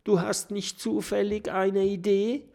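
A man's voice: high-pitched, level tone, measured pace, vocal fry, dark tone, voice pushed up. A man voicing a small, clumsy boy dragon who is a big eater, speaking in a timid, pleading way in a children's audiobook. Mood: whispering nervously.

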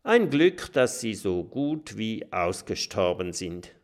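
Male reader doing a grown badger explaining ghost rules, slow, gravelly, lively up-and-down delivery for a storybook. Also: on the low side, full character voice.

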